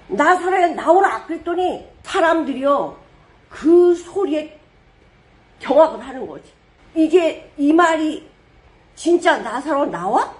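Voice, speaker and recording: Woman pastor with a higher-pitched voice, lively sermon storyteller who breaks into booming dramatic quotes. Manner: lively storytelling, rhetorical questions, sudden loud dramatic quotes.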